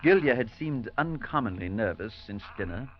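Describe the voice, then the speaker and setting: An actor playing an earnest, kindly male priest who narrates a 1940s radio drama in a measured storytelling manner. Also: mid-range voice, animated, music in the background, close to an everyday voice. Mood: narrating. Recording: dull 1940s radio broadcast.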